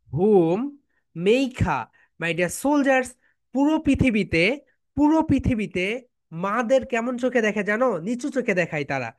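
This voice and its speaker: Teacher, woman; slow, repetitive drilling, mixing Bengali and English. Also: fairly high pitch. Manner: drills phrases slowly, repeating, with students chanting along. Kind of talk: online classroom lesson.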